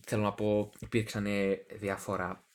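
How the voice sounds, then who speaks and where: A man's voice: lowish voice, completely flat delivery. A young man co-hosting a podcast in casual chat, joking and teasing his partner. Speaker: podcast co-host.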